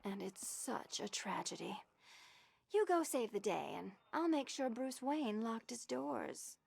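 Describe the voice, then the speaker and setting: A woman's voice: on the high side, lively intonation, a little slow, gravelly, breathy edge, no room sound, full character voice. A woman voice-acting a sly, flirtatious female thief in a video game, teasing and sardonic. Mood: teasing, wry.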